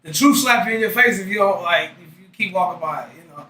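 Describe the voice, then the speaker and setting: A man's voice: sits high, lively intonation, quick pace, pushed and bright, echoey room, far from the mic. A man in his late thirties from Lawton, hosting a casual, profane interview chat. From Lawton, Oklahoma. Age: 30s. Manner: loose, profane street talk. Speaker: podcast host.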